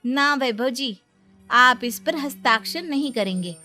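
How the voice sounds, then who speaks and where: A woman's voice: sits high, expressive, pushed and bright, faint music behind, exaggerated voice. A woman playing a feisty, fearless young nomad daughter-in-law, drawing out her words defiantly in a cartoon story. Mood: firm. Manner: drawn-out, defiant, taunting delivery. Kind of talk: dramatic cartoon story dialogue.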